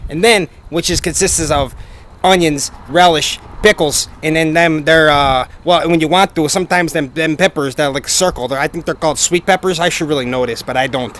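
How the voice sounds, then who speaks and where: A man joining a comic story, halting and flustered, repeating words as he goes. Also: a little high, a bit bright, a little hiss or hum. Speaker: comedy co-host. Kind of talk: improvised comic chat.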